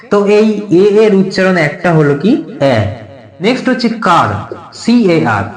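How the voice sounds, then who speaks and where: High-voiced man teaching in an echoey room. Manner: explains slowly, spelling words letter by letter; repeats each point many times. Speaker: English teacher. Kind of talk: casual video lesson.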